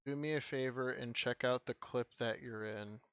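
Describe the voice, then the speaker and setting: A man's voice: medium pitch, fairly even intonation, moderate pace, a bit bright, muffled recording, faint music behind. A young man streaming a shooter game, complaining and swearing as he plays. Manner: profane, complaining, sardonic. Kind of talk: casual gameplay commentary.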